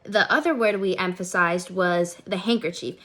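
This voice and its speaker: A young woman, a student co-director, earnestly reading out an explanation of her scene, slightly hurried. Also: on the low side, fairly bright tone.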